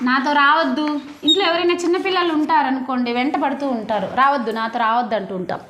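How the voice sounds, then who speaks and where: A woman's voice: sits high, quick pace, roomy sound, noisy background. A woman teaching a primary school class, coaxing the children to repeat after her. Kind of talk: classroom lesson.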